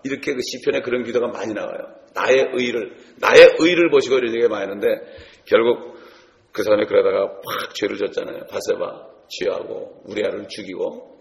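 A man's voice: lowish voice, fairly quick, creaky, reverberant, big-room sound. A man preaching a sermon to his congregation, telling stories and speaking to them directly. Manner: storytelling, addresses congregation directly. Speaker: pastor.

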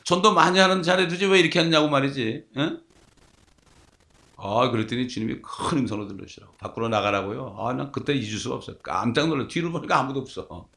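A man's voice: mid-range voice, fast, gravelly, pushed and bright. A male pastor preaching a sermon, telling stories and asking the congregation rhetorical questions.

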